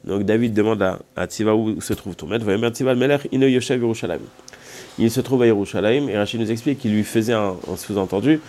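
A man with a low, dark, mellow voice teaches a Talmud study lesson at a brisk pace. He reads out Hebrew and Aramaic passages and then explains them, pausing on fillers as he works through the argument. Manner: thinks aloud with frequent hesitations.

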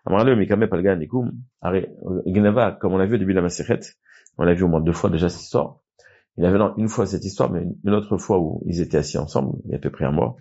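A man's voice: low voice, fast talker, vocal fry, dark tone, breathy edge. A man teaching a Talmud class who reads short phrases aloud and then explains them, with frequent restarts. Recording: dull lo-fi recording.

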